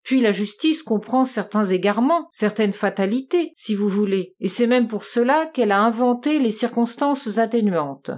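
A woman reading aloud and voicing a shrewd male police investigator who questions calmly and coaxingly. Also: on the high side, moderate pace, hardly any pauses. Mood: probing. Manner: calm, coaxing, probing.

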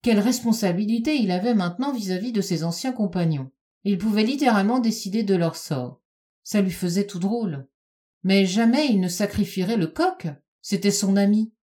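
Warm-voiced woman reading a storybook. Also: medium pitch, animated, moderate pace. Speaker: narrator. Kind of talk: storybook narration.

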